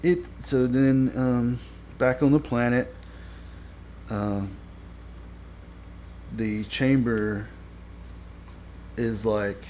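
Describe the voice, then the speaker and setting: A man giving a casual spoken review, rambling and halting with many fillers and restarts, blunt and critical. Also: medium pitch, fairly even intonation, darkish tone, slight background noise. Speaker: show reviewer.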